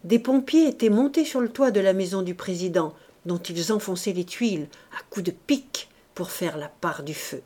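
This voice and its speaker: A woman reading a classic novel aloud as an audiobook narrator, in clear, measured storytelling. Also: mid-range voice, warm tone. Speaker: audiobook reader.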